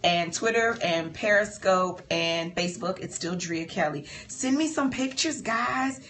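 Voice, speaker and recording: A woman's voice: fairly low pitch, unhurried. Chatty woman talking to viewers. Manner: animated, chatty, heartfelt, addresses viewers as y'all. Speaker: patient filming her own cosmetic procedure. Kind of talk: candid livestream talk to viewers. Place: doctor's office treatment room.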